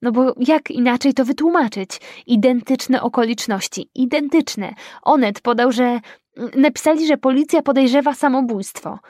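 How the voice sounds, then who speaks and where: A woman voicing a shaken young woman who rushes out terrible news without pausing for breath. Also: sits high, darkish tone, no echo, clean studio sound, lightly acted. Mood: upset.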